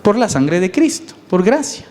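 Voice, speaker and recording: A man with a Mexican accent preaching a sermon as pastor, lively and conversational, asking his listeners questions. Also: sits high, normal speed. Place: church. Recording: long reverb in a church hall.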